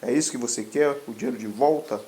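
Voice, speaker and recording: A man's voice: mid-range voice, quick pace, mellow, lightly acted. A man playing a harsh academy director who talks down with scornful insults.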